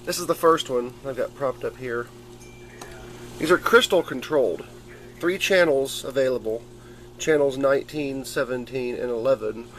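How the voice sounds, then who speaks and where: A man speaks at a normal speed in a medium pitch, casually showing and telling about his gadgets with informal, hobbyist explanations that ramble. Noisy amateur camera audio is clearly audible.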